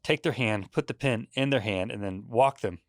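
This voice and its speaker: A man's voice: mid-range voice, moderate pace, dry recording, studio quality. A man in his forties, a podcast guest chatting casually, who tells rambling stories and laughs often. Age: 40s. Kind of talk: casual chat.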